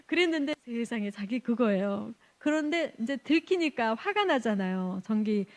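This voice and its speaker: High-voiced woman missionary telling stories. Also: normal speed. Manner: animated, laughs often, acts out quoted exchanges. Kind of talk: lively storytelling testimony. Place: church service.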